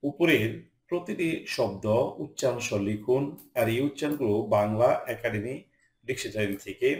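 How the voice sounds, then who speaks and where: A man's voice: mid-range voice, roomy sound. A man teaching English pronunciation in a lesson, reading out word lists one word at a time. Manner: slow, measured listing of single words.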